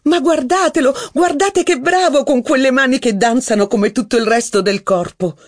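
A man voicing a capricious, mocking young actress in an audiobook reading. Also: moderate pace. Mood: delighted. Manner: shrill, sarcastic, theatrical. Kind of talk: audiobook character voice.

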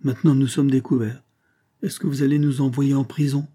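A man voicing a frail, gentle old man who pleads tenderly, in a storybook reading. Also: medium pitch, flat delivery, brisk, pitched above the performer's own voice, natural voice. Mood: sorrowful.

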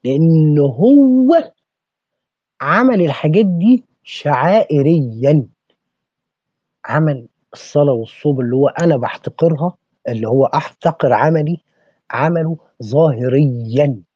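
A man's voice: on the high side, expressive, normal speed, mellow, husky, no echo. A man with an Egyptian accent speaking passionately in a podcast discussion, firing off rhetorical questions like a preacher. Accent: Egyptian Arabic. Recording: dull lo-fi recording.

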